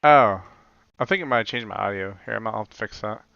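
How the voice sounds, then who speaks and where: A man's voice: lowish voice, brisk, creaky, sharp tone, no room sound. A man doing casual race commentary whose voice comes through muffled, as if he is talking through a tube. He rambles loosely with many fillers. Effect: muffled sound, as if talking through a tube. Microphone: webcam mic picked up by mistake. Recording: dull lo-fi webcam mic, tube-like.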